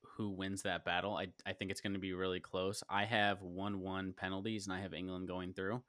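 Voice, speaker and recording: A man with a lowish voice hosts a relaxed sports chat and runs through match picks with his co-hosts. He laughs easily. His voice is recorded close and dry, with no room sound. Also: fairly quick, no room sound. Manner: laughs often, leads the picks. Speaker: podcast host.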